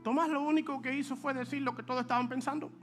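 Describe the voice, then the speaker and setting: Man, pastor, sermon, high pitched, faint music behind. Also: fast. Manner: animated, joking asides to the congregation; acts out quoted speech.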